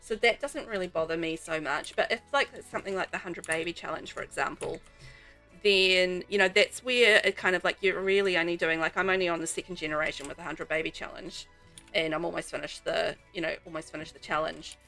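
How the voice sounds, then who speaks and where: A woman's voice: fairly low pitch, fairly even intonation, a little fast, pushed and bright, soft background music. A woman from New Zealand with a New Zealand accent, streaming a game and chatting casually with viewers in a rambling way. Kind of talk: casual chat while playing.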